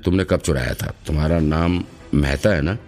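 A man voicing a frightened male writer locked in a cell with a killer, shouting in a shaky voice. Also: very deep voice, moderate pace, soft background music. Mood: scolding. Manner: shouting, trembling voice.

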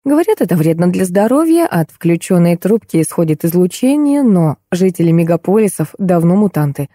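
Woman narrating an audiobook, mellow and dry. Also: fairly low pitch, sing-song, brisk, dry recording. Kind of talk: scripted narration.

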